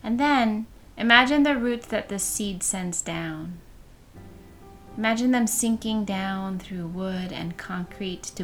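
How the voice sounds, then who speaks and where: A woman leading a guided meditation in a soft, soothing manner, with breath showing at the ends of phrases. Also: on the low side.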